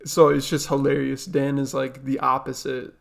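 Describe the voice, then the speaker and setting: A man's voice: mid-range voice, monotone, moderate pace, creaky. A young man hosting a reaction video, talking casually with lots of fillers and repeating himself. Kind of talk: casual commentary.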